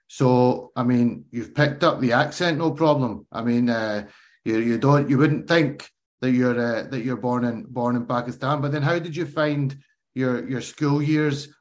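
A man hosting a casual interview, asking friendly, chatty questions and often restarting his phrases. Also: medium pitch. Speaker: interview host.

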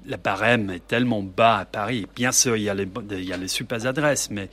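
A man from England, chatting lively as a guest in a radio interview. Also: lowish voice, fairly quick.

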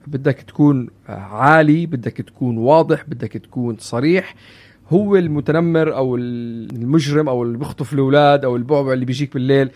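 A man co-hosting a casual parenting chat, telling stories in a lively way and dropping in English phrases. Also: mid-range voice. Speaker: podcast co-host, parent.

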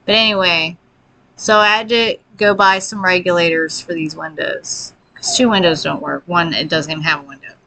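A woman's voice: lowish voice, fairly even intonation, normal speed, creaky, bright, forceful tone. A woman co-hosting a casual chat podcast, laughing often and swearing freely as she tells stories. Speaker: podcast co-host.

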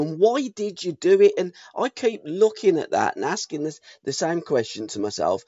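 British male football host, fairly high animated voice, opinionated, conversational, slightly dull dry recording. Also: no echo. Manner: opinionated, poses pointed rhetorical questions. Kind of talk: casual football discussion.

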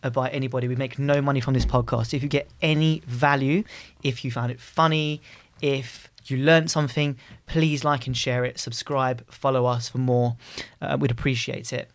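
A man's voice: mid-range voice, steady tone, normal speed, no room sound. A man with a British accent hosting a casual podcast in a jokey, chatty manner. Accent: British English. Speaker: podcast host.

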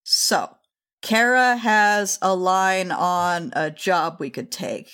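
A woman's voice: takes it slowly, fairly bright tone, smooth. A woman voicing a weary, harried female starship captain in a tabletop game, talking in a tired, resigned way. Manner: tired, low-key, resigned. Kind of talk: tabletop role-play character voice.

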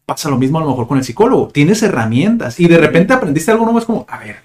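A man, a translator who hosts the show, talking in a relaxed, conversational way. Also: a little high, very fast. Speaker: podcast host, translator. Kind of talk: casual podcast chat.

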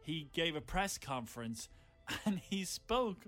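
A man co-hosting a radio show, trading quick jokes in casual chat. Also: on the high side, big pitch swings, a bit bright. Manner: jokey, quick with banter.

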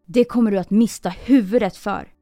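A woman's voice: on the high side, lively intonation, no echo, clean studio sound, faint music behind. A woman voicing a proud, harsh false bride in a storybook reading, speaking sharply. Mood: scolding. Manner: sharp, scolding.

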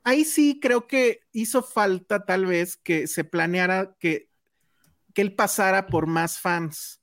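A woman with a Mexican accent chats on a podcast, telling anecdotes full of asides. Her voice sits at a middle pitch, recorded close and dry with no room around it. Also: slow, dry recording. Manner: chatty, storytelling with asides. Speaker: podcast host. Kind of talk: casual chat.

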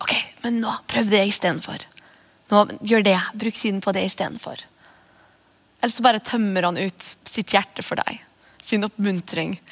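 Woman pastor, thirties, earnest conversational sermon, medium pitch, long reverb. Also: a bit bright. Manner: earnest, conversational preaching with quoted prayers. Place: church hall.

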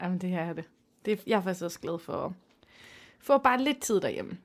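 A woman co-hosting a podcast, telling stories lively with acted-out quotes in a casual chat. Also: fairly low pitch. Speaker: podcast co-host.

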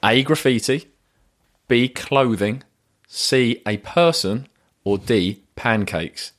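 Male podcast host as quizmaster, lively up-and-down delivery, teasing and playful. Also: mid-range voice, slow pace. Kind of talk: casual chat, reading quiz questions.

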